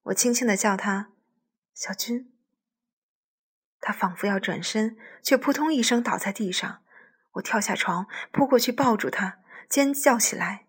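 A woman narrating a first-person literary story in a soft, intimate way, often dropping to a whisper. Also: medium pitch, normal speed, slightly rough.

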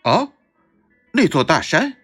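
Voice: medium pitch, sing-song, slow pace, a bit bright, breathy edge, faint music behind, heavily acted. A storyteller voicing a cautious, fretful squirrel in a children's story. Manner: worried, grumbling.

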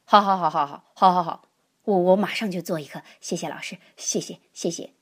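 A woman's voice: lowish voice, brisk, lightly acted. A woman doing a flustered, stammering dad. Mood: nervous. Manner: stammering, repeating himself nervously. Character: flustered father, nervous and clumsy.

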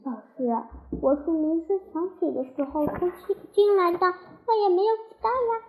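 Cheeky carefree little schoolgirl, voiced by a woman storyteller, giggly, high pitch, lo-fi. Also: normal speed. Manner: giggly, nonchalant.

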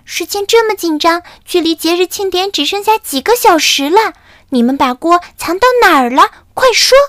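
Woman doing a squeaky excited little chick. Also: normal speed, dry recording, clean studio sound. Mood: indignant. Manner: high, loud and excited.

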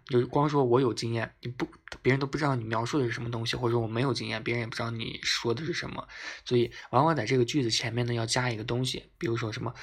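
A man hosting a language lesson podcast, explaining words patiently and repeating them slowly for learners. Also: medium pitch, vocal fry, breathy edge. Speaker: Japanese language teacher, podcast host. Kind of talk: casual spoken lesson.

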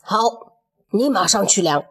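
A woman's voice: mid-range voice, expressive, a little slow, fairly bright tone, breathy edge, heavily acted. A woman voicing an arrogant, boastful king in a storybook tale, speaking in a haughty, commanding way.

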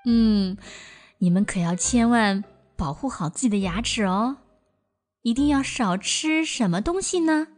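High slow woman reading children's stories. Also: animated. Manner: gentle, speaking to young children. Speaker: children's storyteller.

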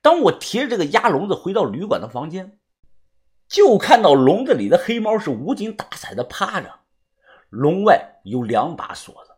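A man narrating a first-person audiobook story in a lively, swinging storyteller manner. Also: sits high, normal speed, slightly rough.

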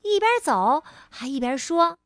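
Casting note: woman storyteller for a children's picture book, high, unhurried and expressive, close and dry. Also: no room sound. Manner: gentle, expressive, lingering on phrases.

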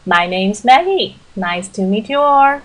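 A woman teaching vocabulary in a friendly, chatty way, slowly repeating words to show how they are said. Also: medium pitch, animated, fairly bright tone, rough recording. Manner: slowly repeats English words to stress the pronunciation. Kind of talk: vocabulary lesson podcast.

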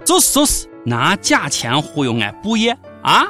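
A man's voice: a little high, wildly swooping pitch, moderate pace, bright, forceful tone, soft background music. A man with a Shaanxi accent hosting a satirical comedy news show, narrating in a theatrical, exclamatory way. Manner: theatrical mock outrage, exclamatory.

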